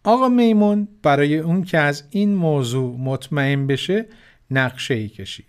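A male storyteller reading a fable for children in a slightly raised voice. He narrates gently and speaks directly to his young listeners. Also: on the high side, lively intonation, smooth. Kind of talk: scripted narration.

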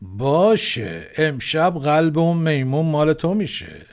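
Man putting on a gravelly dumb crocodile for a kids story, voice bounces up and down a lot. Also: on the high side, sing-song. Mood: dim. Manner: dim-witted, blunt. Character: foolish greedy male crocodile. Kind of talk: children's storybook voice.

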